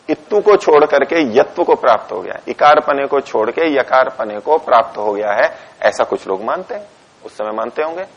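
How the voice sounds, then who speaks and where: A man's voice: mid-range voice, creaky, slightly rough. A man teaching a class on a philosophy text. He reads Sanskrit lines aloud, explains each one in Hindi, dictates punctuation to the students and answers his own questions. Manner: asks questions to the class and answers them himself. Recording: dull lo-fi lecture recording.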